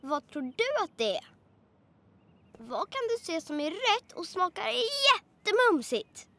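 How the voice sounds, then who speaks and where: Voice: extremely high pitch, sing-song, pushed and bright, a little hiss or hum, full character voice. A child dubbing a curious, cheerful four-year-old tiger boy in a children's cartoon, eagerly asking the viewer questions. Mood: excited. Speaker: lead cartoon character. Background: children's music.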